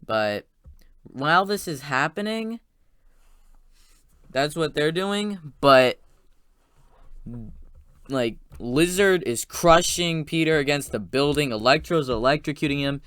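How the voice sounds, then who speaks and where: A man giving a casual, rambling spoiler recap of a movie, excitedly retelling scenes with lots of "like" and restarts. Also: fairly high pitch, takes it slowly, long pauses, clean tone, no room sound. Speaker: movie reviewer.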